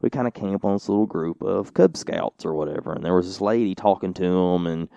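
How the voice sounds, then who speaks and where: A man co-hosting a casual podcast tells a story in a low, dark voice. He rambles, filling his sentences with "like" and "you know." The sound is dry and close. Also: brisk, gravelly, no room sound, highs cut off. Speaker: podcast co-host.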